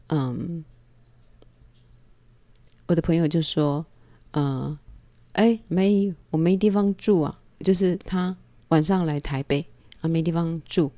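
A woman, telling a personal story at home in a calm, hesitant way with many pauses and fillers. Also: low voice, dry recording. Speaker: vlogger.

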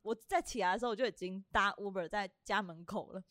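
A young woman with a Taiwanese Mandarin accent, a podcast co-host chatting casually and telling lively stories. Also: medium pitch, quick pace, dry recording, clean studio sound. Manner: lively storyteller, acts out loud shouted quotes. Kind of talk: casual chat.

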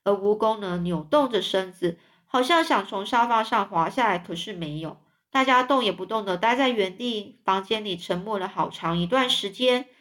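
A woman's voice: medium pitch, animated, normal speed, fairly bright tone. A woman with a Taiwanese Mandarin accent reading a children's book aloud, chatting and explaining words for young listeners. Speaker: storyteller for children.

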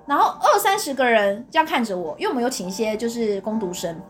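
A woman's voice: a little high, quick pace, faint music behind. A young woman tells her own story in a casual chat, laughing often and acting out the dialogue. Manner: animated, laughs often, acts out quoted dialogue. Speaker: podcast co-host telling her own story.

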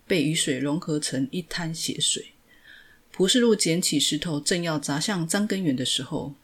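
A woman podcast host narrating a recap of a drama episode in steady, scripted storytelling. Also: low-pitched, breathy edge.

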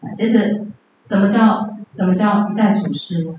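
A woman's voice: medium pitch, moderate pace, muffled recording, noisy background. Woman teaching in a very echoey room. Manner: conversational, asks the class questions. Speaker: Buddhist sutra teacher. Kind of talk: lecture on Buddhist teaching.

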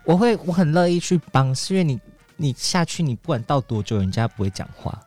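Animated man telling stories casually. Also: on the high side, fairly quick, faint music behind. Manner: animated, acts out quoted lines. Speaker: podcast co-host. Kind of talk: casual storytelling chat.

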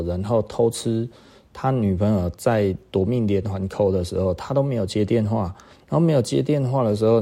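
Gravelly dark-voiced Taiwanese man talking. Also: lowish voice. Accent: Taiwanese Mandarin. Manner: chatty storytelling, keeps asking "right?". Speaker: podcast host. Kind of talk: casual monologue.

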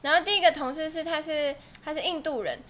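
A young adult woman, co-hosting a casual chat and telling stories with lively delivery. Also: high voice, quick pace. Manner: animated storytelling, acts out quoted people. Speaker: co-host.

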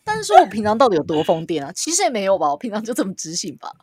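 A woman co-hosts a casual podcast, telling stories with frequent laughter. Her voice is somewhat husky and very animated in pitch. The recording is close and dry. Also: rapid-fire, no room sound. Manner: lively, laughs a lot, storytelling. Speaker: podcast co-host. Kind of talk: casual chat. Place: small wooden-walled room at home.

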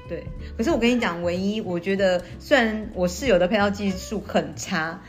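A woman with a Taiwanese accent telling personal stories in a casual, animated chat, often repeating phrases for emphasis. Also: medium pitch, a little fast. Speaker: podcast co-host. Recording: music behind the voice.

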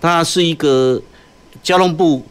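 A man with a Taiwanese Mandarin accent explains as an interview guest, in halting short phrases dotted with sentence particles. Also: on the high side, clear, resonant tone. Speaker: guest, port company executive.

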